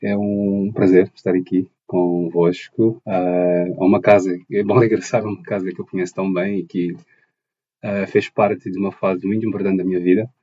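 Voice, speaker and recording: A man's voice: sits low, flat delivery, moderate pace, warm tone, slightly rough, dull audio. A young man from Mozambique, a podcast guest answering thoughtfully and searching for his words with many restarts. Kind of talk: conversational interview answers.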